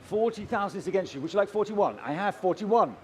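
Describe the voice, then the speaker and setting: A man's voice: high voice, expressive, fast, slight background noise. A man working as a live auctioneer, calling out rising bids and addressing bidders directly in a theatrical way.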